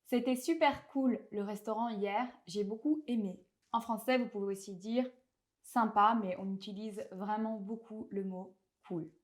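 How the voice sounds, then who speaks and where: Speaking at a medium pitch, a woman from France runs a language lesson in her French accent. She teaches plainly and methodically, dropping her speed to spell out pronunciations.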